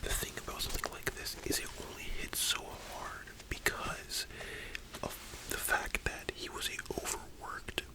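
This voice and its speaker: In this ASMR role-play, the performer takes on a librarian and drifts informally through her own opinions at a moderate pace. Her breathy, hushed whisper is nearly all unvoiced, and the recording sounds rough.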